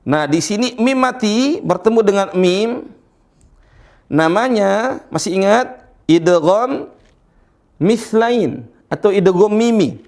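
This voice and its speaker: Slow, patient man teaching Quran recitation. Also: high-pitched, darkish tone. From Indonesia. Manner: patient, repeats letters slowly, checks understanding. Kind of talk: slow explanatory lesson with drawn-out recitation.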